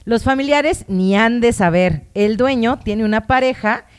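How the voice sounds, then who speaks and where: A woman's voice: on the high side, unhurried, smooth. Young Mexican woman, crude and laughing. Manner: crude, laughing, reads listener stories aloud. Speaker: podcast co-host. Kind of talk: casual live-stream chat.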